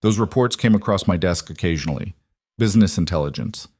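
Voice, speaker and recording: A man's voice: deep voice, animated, a little fast, darkish tone, breathy edge, no room sound, studio quality. A man reading the lines of a young mafia boss husband, tense, clipped and firm. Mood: strained.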